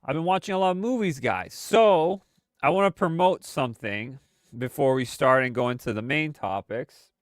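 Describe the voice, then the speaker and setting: In clean studio audio without echo, a man with a congested, post-cold voice hosts a weekly live stream. He rambles casually with plenty of fillers and restarts, speaking in an animated, mid-range voice at a moderate pace.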